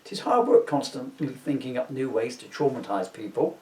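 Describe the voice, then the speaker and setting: Grumbling henpecked Christmas ghost, played by a man, swooping pitch. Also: big pitch swings, normal speed, dark tone, lightly acted. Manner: rambling, sardonic complaining with mock-archaic words. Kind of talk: comic audiobook reading. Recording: roomy, echoey, distant microphone.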